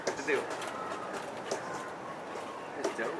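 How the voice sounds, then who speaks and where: A man hosting a casual vlog outdoors, joking easily and laughing often. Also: takes it slowly. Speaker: vlog host. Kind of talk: casual vlog chat and narration. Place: outdoor rural building site. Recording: noisy outdoor ambience.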